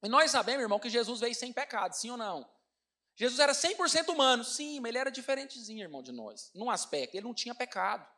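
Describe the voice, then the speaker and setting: A Brazilian-accented male pastor tells a sermon story at a rapid clip. His voice rides high and lively, and he keeps turning to the congregation to call them brothers. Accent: Brazilian Portuguese. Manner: animated, addresses congregation as brothers.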